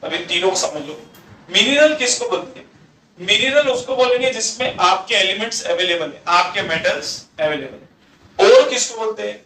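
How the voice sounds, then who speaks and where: Male teacher lecturing a class, questions and answers himself, high voice, recorded from across an echoey room with faint hum. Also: expressive, normal speed, sharp tone, distant mic. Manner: mixes Hindi with English terms.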